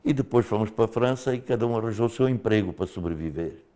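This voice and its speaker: In a studio interview, a former liberation fighter from Mozambique, now an older man, tells his story animatedly and peppers it with casual fillers. He is a fast talker with a voice on the low side.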